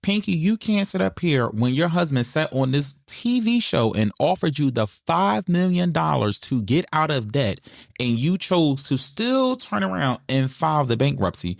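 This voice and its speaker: Man, low and gravelly, dry close mic; blunt opinionated podcast co-host. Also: normal speed, no echo. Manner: blunt, opinionated, animated ranting. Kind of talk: casual reality-TV gossip chat.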